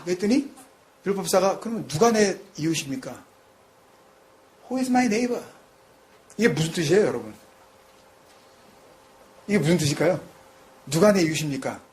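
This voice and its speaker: A middle-aged male pastor preaching a sermon in an animated way. He acts out quoted voices, puts questions to the congregation and mixes in English phrases. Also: high-pitched.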